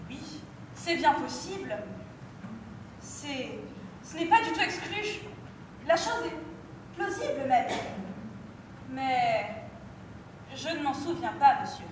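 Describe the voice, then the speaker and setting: A teenage girl plays a prim English lady, exclaiming in exaggerated astonishment. The voice sits high. It comes from a distance in a strongly echoing hall, with clear noise behind it. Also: expressive, slow pace, pauses often. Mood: astonished. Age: teens. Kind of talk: amateur stage acting. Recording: echoey hall, from far off, noisy.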